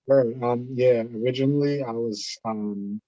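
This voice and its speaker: A man, a beat maker talking in a rambling, halting, slangy way with a lot of profanity. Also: mid-range voice, mellow, dry recording, dull audio. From Boston area. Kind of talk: casual interview.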